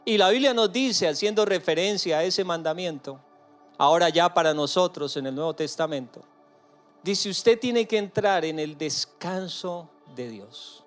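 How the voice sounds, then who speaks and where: A man preaching a sermon in earnest, slowing and softening on key phrases. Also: sits high, soft background music. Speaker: pastor.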